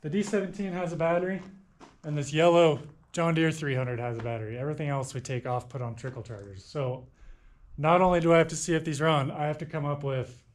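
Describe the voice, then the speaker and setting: Man, young adult, casual walkthrough, folksy, self-correcting, slightly high voice, barn and shop. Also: steady tone, fairly quick, poor audio. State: out of breath. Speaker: farm vlogger showing his tractors.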